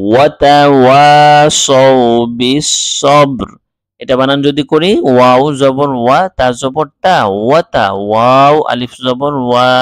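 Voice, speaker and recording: Slow, clear-voiced male Quran teacher. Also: medium pitch, no echo. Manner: spells letters and vowel marks slowly, then explains quickly. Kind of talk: slow syllable-by-syllable recitation lesson.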